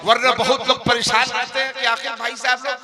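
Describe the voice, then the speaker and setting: A man's voice: extremely high pitch, little pitch movement, fairly quick, over music. A man compering a religious poetry gathering on stage, reciting couplets and teasing the audience into calling back. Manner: jokey, coaxes and teases the crowd into responding. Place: large public gathering before a crowd. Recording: live crowd audible behind voice.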